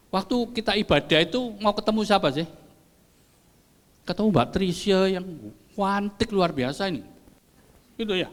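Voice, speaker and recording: Older male pastor, bright high voice, playful preaching with long hall reverb. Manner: lively, joking with the congregation, mixing in Javanese. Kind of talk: sermon. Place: church hall.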